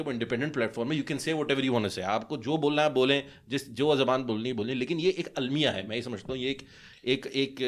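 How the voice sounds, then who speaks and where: A man's voice: mid-range voice, a bit bright. A man from Pakistan co-hosting a podcast, voicing strong opinions in casual chat and searching aloud for names. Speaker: podcast co-host.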